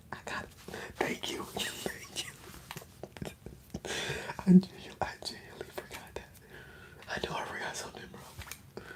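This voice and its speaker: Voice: measured pace, long pauses. An ASMR streamer whispering in a casual, rambling, slangy way while chatting on a livestream. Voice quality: whispered, mostly unvoiced.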